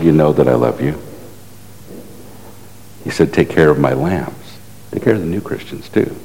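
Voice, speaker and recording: A man with a very low voice preaches a sermon, telling the story in a casual, conversational way. He keeps turning to the congregation with rhetorical questions. His voice rings out with a long hall reverb. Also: gravelly, a little mellow.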